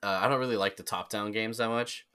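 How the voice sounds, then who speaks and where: Low-voiced young man rambling casually. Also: fairly even intonation, quick pace, bright, forceful tone, clear, resonant tone. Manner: rambling, many fillers and restarts. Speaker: podcast guest. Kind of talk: casual chat.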